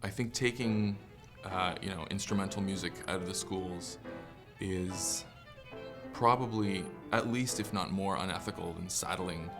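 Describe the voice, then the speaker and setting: A man with a very low voice argues his view earnestly, with a few fillers along the way. Music plays clearly beneath the interview. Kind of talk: documentary interview. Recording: music bed under interview.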